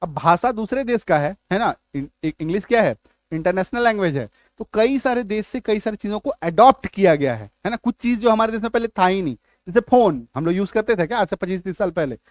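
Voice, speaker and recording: High-voiced man teaching English in Hindi. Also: animated, quick pace, dry recording, studio quality. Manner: repetitive, checks understanding often. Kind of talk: spoken Hindi lesson on English spelling.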